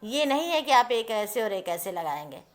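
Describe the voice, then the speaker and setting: A woman's voice: fairly high pitch, very animated, normal speed. A woman teacher giving a step-by-step lesson to young children, patiently explaining and often asking whether they understand.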